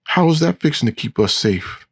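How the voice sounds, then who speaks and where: A man voicing a frightened young country woman with a high, shrill voice. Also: big pitch swings, normal speed, slightly rough, no echo, studio quality, heavily acted. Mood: panicked.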